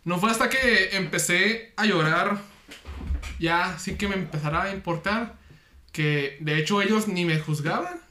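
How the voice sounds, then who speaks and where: Bright high-voiced Mexican man. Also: measured pace, slight background noise. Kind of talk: casual podcast chat. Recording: roomy echo.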